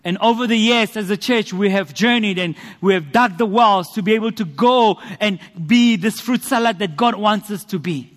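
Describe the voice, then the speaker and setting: Barely pausing, a South African man preaches at a moderate pace in a high-pitched voice, sharing his testimony with earnest rhetoric and emphasis built through repetition. He's in a church hall, and its long reverb is heard on the recording.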